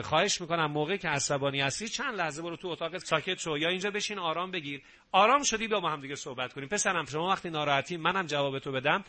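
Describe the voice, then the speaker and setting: Man, middle-aged, preacher, bright forceful voice, slightly high, animated sermon. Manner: animated, acts out quarrels between spouses. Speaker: preacher giving a nightly family talk. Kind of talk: sermon on family life.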